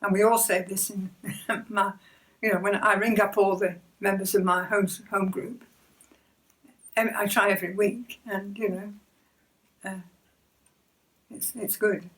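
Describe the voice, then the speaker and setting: An older woman recounts her faith story in a gentle, halting way, circling back over her words with small soft laughs. Her voice sits at an ordinary middle pitch. The mic catches her from a little distance. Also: little pitch movement. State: emotional near the end. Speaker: church member sharing testimony. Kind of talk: personal faith testimony.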